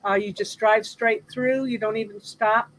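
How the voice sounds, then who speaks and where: A woman's voice: on the high side, fairly even intonation, moderate pace, slight background noise, low-quality recording. A woman hosting a casual live chat about everyday practical matters, speaking conversationally.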